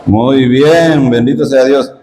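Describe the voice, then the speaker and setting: A middle-aged lay missionary from Guatemala gives a parish retreat talk in an echoey church hall, speaking slowly at medium pitch with fairly even intonation. His style is conversational and instructive, and he asks the audience questions while background noise is audible.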